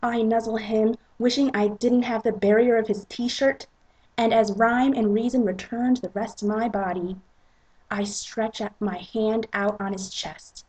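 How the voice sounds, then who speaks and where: Husky woman reading a novel dramatically. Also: fairly high pitch, fairly even intonation, measured pace, darkish tone, low-quality recording. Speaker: reader and narrator. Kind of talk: dramatic narration of a romance novel.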